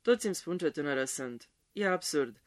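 A man's voice: animated, no echo, clean studio sound, natural voice. A man voicing a self-absorbed middle-aged wife who talks shrilly and affectedly about her health. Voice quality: shrill, sharp.

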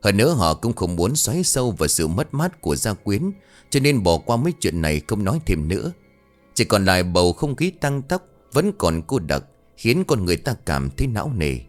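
Brief: male ghost-story narrator, low pitch, lively intonation. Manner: dramatic, measured. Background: faint music.

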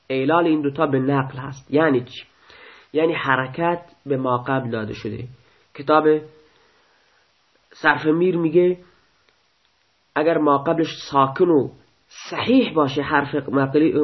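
Male teacher, fairly high voice, methodical, repeats forms slowly, dull lo-fi recording. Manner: explains step by step, repeats verb forms slowly. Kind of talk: recorded Arabic grammar lesson.

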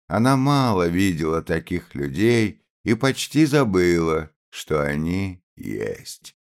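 A man narrating an audiobook of a classic novel in a measured, expressive reading. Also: sits low.

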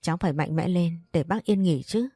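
Weeping older aunt in a storybook, choked and consoling, as a woman narrator puts her on, low warm voice. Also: brisk, breathy edge, no room sound.

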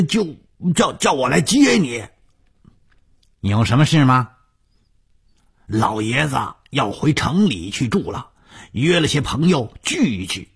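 A man voicing a sly middle-aged henchman who talks in an offhand, chuckling, higher-pitched voice. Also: fairly bright tone, husky, exaggerated voice.

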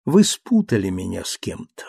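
A man voicing a calm, polite older gentleman who speaks quietly and courteously in an audiobook reading. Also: low-pitched, normal speed, gravelly, husky, pitched below the performer's own voice, heavily acted.

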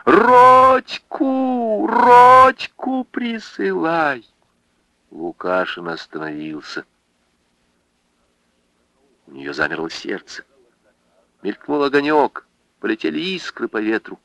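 A low-pitched man reads a novel aloud with dramatic, emotive phrasing. His voice stays close to the mic in a dry, dead room. The delivery is measured and intense. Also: creaky, a bit bright, no echo, low-quality recording. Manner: dramatic, emotive reading with big swings. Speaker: audiobook narrator. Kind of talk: expressive literary narration.

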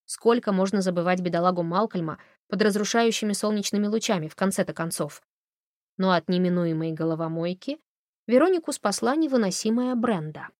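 A woman narrating an audiobook in an even, expressive storytelling manner. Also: medium pitch, brisk, dry recording, studio quality.

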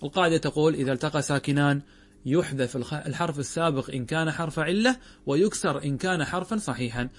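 Man teaching a patient grammar lesson. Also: a little high. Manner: explains step by step, asks and answers his own questions; drawls out example words slowly. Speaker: sheikh teaching Arabic grammar.

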